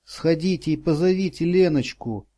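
A man's voice: a little high, moderate pace, mellow, pitched above the performer's own voice, lightly acted. A man voicing a frightened, blind elderly woman who pleads and sobs. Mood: tearful. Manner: sobbing, pleading, panicky.

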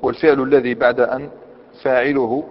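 A man's voice: medium pitch, flat delivery, fairly quick. A man with an Algerian Arabic accent teaching a grammar lesson. He quizzes his students, repeats key points, and reads a commentary aloud before explaining it. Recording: echoey hall, dull lo-fi sound.

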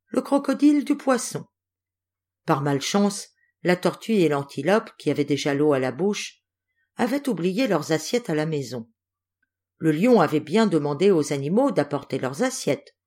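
A woman reading a children's fable aloud in an expressive, animated storybook narration. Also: deep voice. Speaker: audiobook reader.

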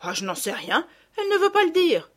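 A woman's voice: very high voice, big pitch swings, fairly quick, voice pushed up. A woman voicing a middle-aged peasant gardener woman who scolds and gossips in blunt rustic speech, read as an audiobook character. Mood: gossiping.

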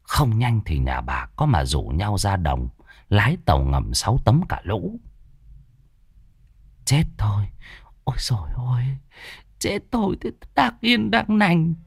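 A man's voice: huge pitch swings, unhurried, creaky, husky, no room sound, studio quality, heavily acted. A man voicing a panicking old woman who wails and laments. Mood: wailing panic. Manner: shrill, wailing lament. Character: panicking old woman wailing for her husband.

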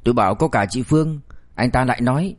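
A man's voice: medium pitch, fast, natural voice. A man voicing an earnest, easily annoyed young junior colleague in an audiobook story, with a complaining tone. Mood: aggrieved.

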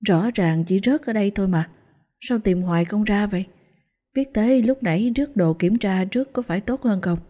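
A woman voicing a young woman in her twenties who is trapped alone in a dark library, speaking in raised, strained calls. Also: medium pitch, normal speed, hardly any pauses, voice pushed up, close to an everyday voice. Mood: fretful muttering. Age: 20s. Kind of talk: acted dialogue in a read-aloud ghost story.

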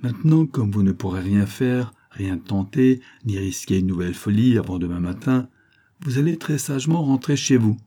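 Man doing a firm calm detective, warm husky voice. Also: on the low side, normal speed. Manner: firm, reasonable, commanding. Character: calm, firm male police inspector.

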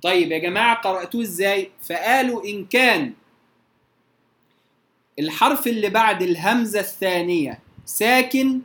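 Egyptian lady giving a tajweed lesson, asks the class if it's clear, recites slow and long, roomy echo. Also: mid-range voice, animated, a bit bright. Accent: Egyptian Arabic. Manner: recites examples slowly and drawn out, often checks if students follow. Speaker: Quran recitation teacher.

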